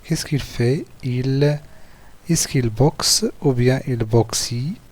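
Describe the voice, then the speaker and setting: A teacher with an Algerian French accent goes through written school exercises in a slow, patient walkthrough, repeating words and syllables. His mid-range voice is darkish and slightly rough.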